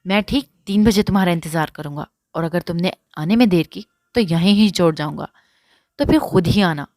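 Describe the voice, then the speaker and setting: A woman voicing a stern, impatient young man who gives sharp, raised warnings in an audiobook reading. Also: mid-range voice, expressive, no room sound, studio quality, close to an everyday voice.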